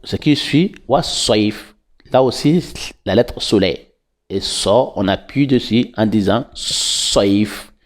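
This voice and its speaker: A man teaching Quran recitation in French, breaking each verse into syllables and repeating them patiently with drawn-out vowels. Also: on the low side, a little mellow. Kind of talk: slow syllable-by-syllable recitation lesson.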